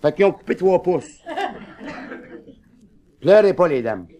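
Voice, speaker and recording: A man telling bawdy tavern jokes with brisk punchlines and asides to the ladies. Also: sits high, animated, dark tone. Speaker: stand-up comedian.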